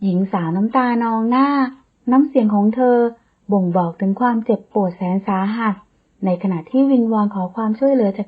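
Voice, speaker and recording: A woman reads a romance audiobook slowly and with feeling. Her voice is fairly high and breathy. The recording sounds dull and lo-fi. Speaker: audiobook narrator. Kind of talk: scripted audiobook narration.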